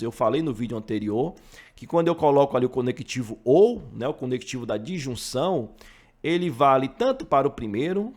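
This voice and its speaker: A man with a Brazilian accent teaching math, explaining each step through worked examples and often checking in with the listener. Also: on the high side. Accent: Brazilian Portuguese. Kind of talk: explaining logic for exam prep.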